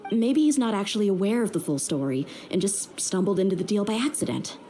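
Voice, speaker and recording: Here her voice lands in the mid range, animated and fairly quick, with a mellow quality and only light acting. Soft music sits in the background as she voices the young mercenary bodyguard in a straightforward, plain-spoken manner.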